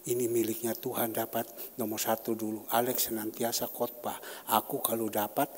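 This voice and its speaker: A man preaching a sermon as pastor, swinging between loud bursts and quiet asides. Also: on the low side, flat delivery, normal speed, slight background noise. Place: church hall. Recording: church hall reverb, faint ambience.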